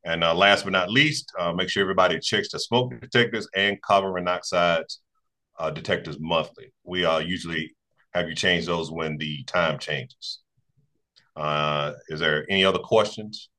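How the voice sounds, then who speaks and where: A man's voice: low voice, fairly even intonation, normal speed, sharp tone. A man, a fire captain, giving a report on a meeting call with frequent fillers.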